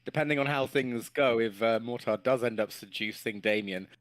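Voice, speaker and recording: A man's voice: mid-range voice, moderate pace, dry recording. Playful teasing man, dry sound. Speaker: player. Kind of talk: casual banter at a game table.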